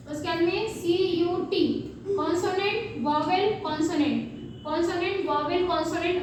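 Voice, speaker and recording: A woman, teaching a phonics lesson for beginners. She spells out letters slowly and asks and answers her own questions. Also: very high-pitched. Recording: very echoey room, voice from far off, faint background hum.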